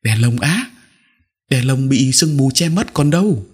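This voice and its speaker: A man's voice: mid-range voice, expressive, a little slow, darkish tone, slightly rough, pitched above the performer's own voice. A man voicing a frightened young schoolchild who stammers and pleads.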